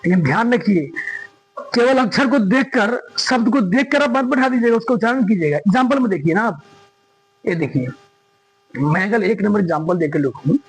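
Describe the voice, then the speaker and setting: High, husky-voiced male grammar teacher. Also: lively intonation, moderate pace, low-quality recording. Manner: emphatic, repeats points and quizzes students. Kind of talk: classroom lesson explaining grammar.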